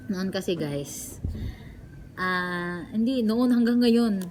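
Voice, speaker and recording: A young woman from the Philippines whose first language is Cebuano, chatting playfully in a vlog with a deep voice for a woman. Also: takes it slowly, a little mellow, slight background noise, low-quality recording. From Cagayan de Oro, Philippines. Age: young adult. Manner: chatty and playful, mixing Tagalog and English. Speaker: vlogger. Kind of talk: casual vlog chat.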